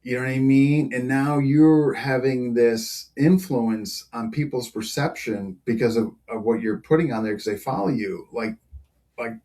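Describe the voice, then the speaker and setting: A man's voice: medium pitch, a little slow, mellow. A man hosting a podcast in casual chat, talking loosely with many fillers and frequent laughs. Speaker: podcast host.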